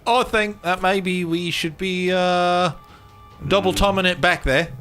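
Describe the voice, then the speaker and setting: A man's voice: high-pitched, a little slow, a bit bright, clear, resonant tone, soft background music. A man playing a tabletop game, easygoing and fond of wordplay. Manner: joking, wordplay-prone, easygoing. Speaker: player. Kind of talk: casual tabletop chat.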